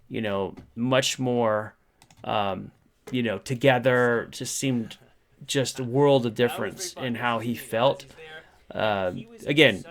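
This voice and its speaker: A middle-aged man tells a casual story to camera at an ordinary mid pitch. He is enthusiastic and rambles from one recollection to the next. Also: fairly bright tone. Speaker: vlogger and creature actor telling behind-the-scenes story.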